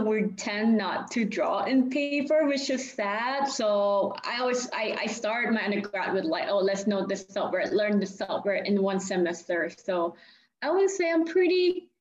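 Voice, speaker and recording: A young woman from Thailand, speaking English with a Thai accent as an interview guest. She talks casually and haltingly, restarting sentences and leaning on "like." The recording is echoey and a little muffled. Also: mid-range voice. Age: 20s. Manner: halting, many "like" fillers and restarts. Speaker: guest, architecture graduate student.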